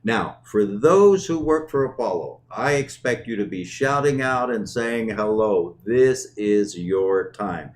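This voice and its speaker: A man's voice: on the low side, lively intonation, slow pace, hardly any pauses. A middle-aged man hosting a show in a conversational, unscripted way, repeating words and phrases for emphasis. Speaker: host of a company community show.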